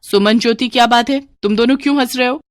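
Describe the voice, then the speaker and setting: A strict, impatient schoolteacher voiced by a woman scolds in a sharp, brisk manner. Her voice sits high and bright. The sound is dry and close, like a storybook read straight into the mic. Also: lively intonation, no room sound. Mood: scolding. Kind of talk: storybook voice acting.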